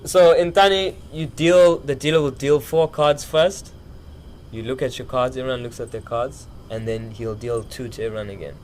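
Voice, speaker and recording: A man's voice: medium pitch, normal speed, a little hiss or hum. A man chatting casually as a musician in an interview, loose, slangy and rambling. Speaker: musician, podcast guest.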